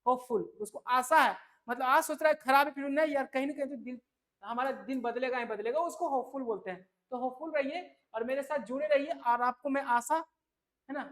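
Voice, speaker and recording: A man's voice: very high-pitched, steady tone, fairly quick, fairly bright tone. A man teaching English vocabulary for an exam in a chatty, casual way, often checking in with listeners. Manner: chatty, repeats "है ना?" and "ठीक है" to check in. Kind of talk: casual tutoring lesson.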